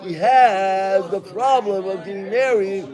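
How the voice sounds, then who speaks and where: A man teaching a Talmud class, animated and joking, calling on students by name. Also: high voice, unhurried, some chatter behind.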